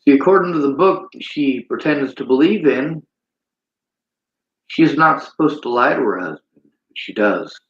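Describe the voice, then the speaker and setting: A man's voice: medium pitch, lively intonation, measured pace, long pauses, dull audio. Preachy livestreaming man, roomy sound. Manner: preachy, reads chat aloud. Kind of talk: livestream monologue.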